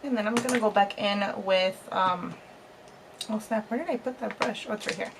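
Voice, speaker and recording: A woman's voice: mid-range voice, moderate pace, creaky, background noise. A woman in her thirties chatting to viewers in a casual makeup tutorial vlog at home, talkative and bubbly. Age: 30s. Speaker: beauty vlogger.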